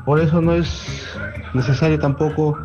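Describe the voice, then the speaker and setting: A man's voice: on the high side, fairly even intonation, normal speed, music in the background. A man leaving a critical, matter-of-fact voice message. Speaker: caller. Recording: dull lo-fi voice note.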